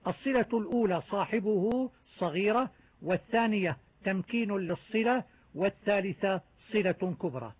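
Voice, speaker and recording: High-voiced man with a tinny, phone-like sound. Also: lively intonation, a little hiss or hum. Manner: methodical, measured explanation. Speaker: Quran recitation teacher. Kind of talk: explaining recitation rules.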